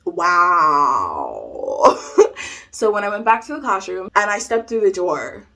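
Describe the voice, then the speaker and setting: A young adult woman vlogger telling a personal storytime in an animated way, laughing often. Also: mid-range voice, a little fast. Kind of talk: storytime vlog.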